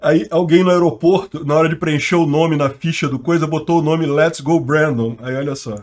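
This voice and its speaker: A man's voice: fairly high pitch, steady tone, normal speed, darkish tone. A Brazilian man with a slightly raised voice hosts his own channel and runs through the news in loose, casual commentary. He talks in slang and keeps breaking into laughter between his points. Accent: Brazilian Portuguese. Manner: chatty, laughs often, slangy. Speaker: channel host.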